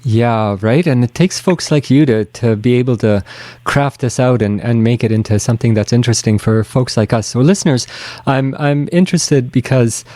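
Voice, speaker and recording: A man's voice: medium pitch, normal speed, dark tone, no room sound. A man from Tanzania hosting a radio interview, talking in a rambling, chatty way with many restarts. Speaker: radio host. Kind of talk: casual interview chat.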